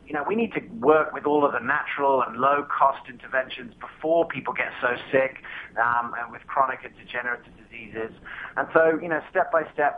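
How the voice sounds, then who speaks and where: A man in his thirties from England, a guest answering interview questions in a casual, hesitant way with many fillers and restarts. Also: mid-range voice. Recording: tinny phone line with faint noise.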